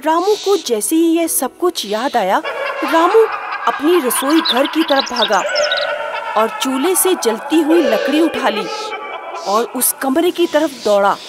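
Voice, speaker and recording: A woman narrates a spooky storybook tale in a high voice and builds suspense as she goes. She takes her time over each line while music plays behind her. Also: animated, slow. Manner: dramatic, suspenseful telling. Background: background music.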